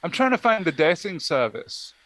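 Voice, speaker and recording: A man's voice: on the high side, big pitch swings, moderate pace, fairly bright tone, dry recording. A man co-hosting a casual live stream, chatting while searching for things aloud. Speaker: streamer co-host.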